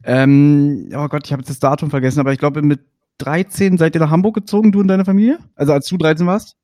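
A man in his forties from West Berlin, hosting a podcast interview in a friendly, slightly halting way. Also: fairly high pitch, fairly even intonation, mellow, no echo, clean studio sound. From West Berlin, Germany. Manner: friendly, a bit halting with fillers. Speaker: podcast host. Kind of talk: casual interview chat.

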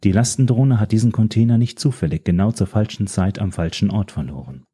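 A man voicing a calm, mysterious woman informant who speaks in a measured, quietly menacing way. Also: lowish voice, slightly rough. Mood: cool, composed.

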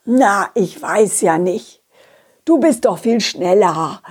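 A woman playing a husky, slow, sighing male donkey. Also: medium pitch, expressive, a little mellow. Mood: hesitant. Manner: sighing and hesitant. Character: lonely, plodding male donkey hauling apples.

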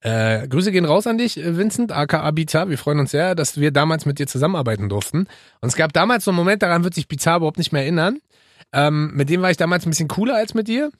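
A man, co-hosting a podcast, quick and laughing, playfully defensive. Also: a little high, big pitch swings, dry recording, studio quality. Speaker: podcast co-host. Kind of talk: casual banter.

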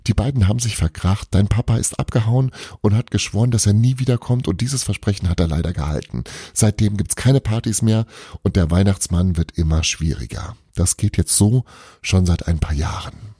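A man's voice: lowish voice, normal speed, dark tone, slightly rough, no echo, studio quality, pitched above the performer's own voice. A man reading a storybook aloud, voicing a cheeky girl who insists on her wild tales in a playful, teasing manner. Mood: insistent.

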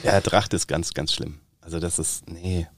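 A man from Upper Bavaria with a Bavarian accent, an actor chatting as an interview guest and telling lively anecdotes with quick dialect impressions. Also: low-pitched, dry recording, studio quality. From Upper Bavaria, Germany. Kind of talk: casual interview chat.

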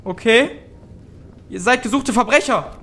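Man acting a high-pitched, frightened, suspicious townsman. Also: measured pace, pushed and bright, exaggerated voice. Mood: fearful, accusing. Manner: stammering, agitated. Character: frightened, suspicious man behind a locked door.

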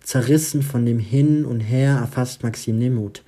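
A man's voice: medium pitch, normal speed, dark tone. A man narrating an audiobook in a dramatic storytelling manner. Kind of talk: audiobook reading.

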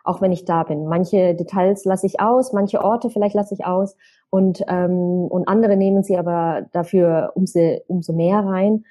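Mellow husky-voiced woman blogger. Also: on the low side, a little slow. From Germany. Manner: lively, thinks aloud with fillers and restarts. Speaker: travel blogger guest. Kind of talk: casual podcast conversation.

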